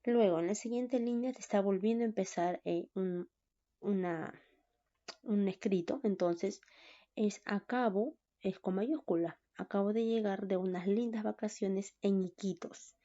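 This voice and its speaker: A woman walks students through a recorded online class at an unhurried pace, her voice dark and mellow. She keeps checking whether they follow. The recording sounds dull and lo-fi. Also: medium pitch. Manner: slow, patient, checks in with "¿no?". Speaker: teacher.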